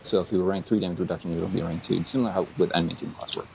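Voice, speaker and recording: Man running a tabletop game, low voice. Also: fairly even intonation, creaky, noisy background. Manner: halting, with many fillers. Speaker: game master.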